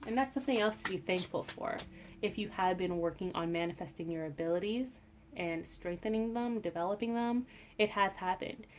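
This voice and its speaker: Gentle-voiced woman tarot reader. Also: mid-range voice, fairly quick, a little hiss or hum. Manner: gentle and reassuring, with fillers and restarts. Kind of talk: casual spiritual reading.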